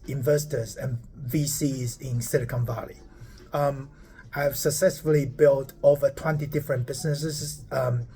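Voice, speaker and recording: A startup founder from Taiwan in his forties talks casually to camera on his phone, rambling, repeating words, and often stopping to ask "okay?". His medium-pitched voice is warm, with vocal fry.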